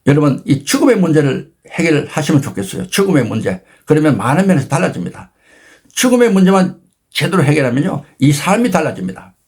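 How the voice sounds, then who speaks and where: A man in his sixties hosting his own channel, retelling a personal story with dramatic emphasis and sudden jumps in pitch. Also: big pitch swings, quick pace, darkish tone, slightly rough. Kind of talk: animated storytelling talk.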